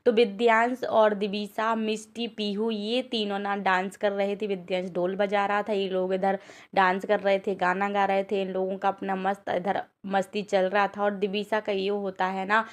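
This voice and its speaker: A woman's voice: medium pitch, flat delivery, moderate pace. A woman in her thirties narrating her family day in a chatty, homely way. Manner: chatty, homely, talks to kids in a sing-song voice. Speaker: vlogger, homemaker. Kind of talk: casual vlog narration.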